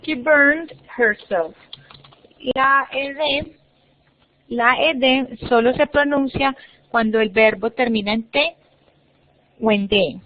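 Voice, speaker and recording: A woman teaching an English class online, explaining patiently and repeating words slowly. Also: a little high, fairly even intonation. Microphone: video call. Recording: muffled online call audio.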